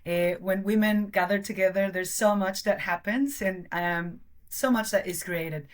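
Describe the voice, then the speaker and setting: A woman's voice: mid-range voice, measured pace. A woman from Mexico, a podcast guest talking in reflective, casual chat. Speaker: guest, TV presenter.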